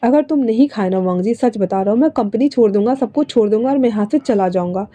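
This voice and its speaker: A woman voicing a caring, patient young man who coaxes and questions gently, read aloud in a storytelling retelling. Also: on the high side, fast talker, lightly acted. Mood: coaxing. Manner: coaxing, pleading questions.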